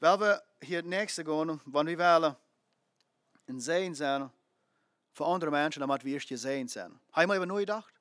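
A man's voice: on the high side, normal speed, fairly bright tone, no echo, studio quality. A man preaching a sermon, emphatic, repeating phrases and asking rhetorical questions.

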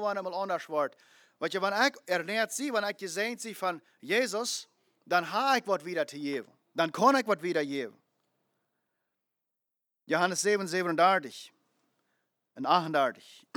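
A man's voice: sits high, pushed and bright, no room sound, clean studio sound. A man preaching a sermon, emphatic, repeating phrases and asking rhetorical questions.

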